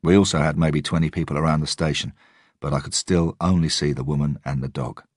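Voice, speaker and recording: A man reads a first-person story in a measured, steady way. His voice is extremely deep and somewhat husky, recorded close and dry with no room sound. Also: no echo. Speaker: audiobook narrator. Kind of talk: first-person audiobook narration.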